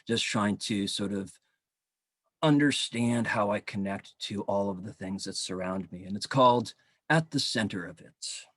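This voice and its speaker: A poet reads his own poems aloud at home for a virtual event, captured over a video call with clean, studio-like sound and no room echo. His voice sits on the low side. The reading itself is measured and dramatic with slow, drawn-out phrases, while his asides are relaxed and halting, full of ums.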